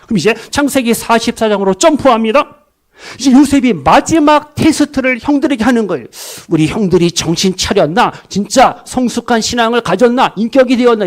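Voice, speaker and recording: A man preaching with a high voice that leaps from loud bursts to hushed, low asides. He keeps asking the congregation questions and answering them himself. Now and then he acts out short everyday lines in little voices of their own. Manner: dramatic swings between loud bursts and soft low asides. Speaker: pastor. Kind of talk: sermon.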